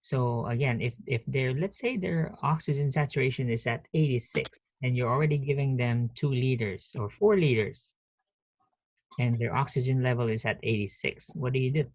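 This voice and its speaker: A man's voice: mid-range voice, moderate pace, dry recording. A man teaching a nursing class over a video call, talking casually, restarting sentences and quizzing students. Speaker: nursing professor. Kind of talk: online class lecture.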